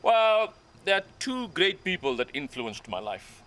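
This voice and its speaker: A man's voice: sits high, big pitch swings, unhurried, pushed and bright, heavily acted. An actor playing a jovial man who keeps joking and teasing. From South Africa. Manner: joking, teasing, laughs often. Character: jovial South African Indian man, joking fixer.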